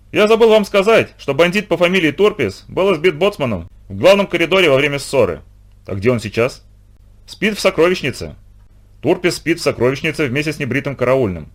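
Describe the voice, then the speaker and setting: A man voicing a clever young boy who leads and speaks decisively. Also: fairly high pitch. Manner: decisive, commanding.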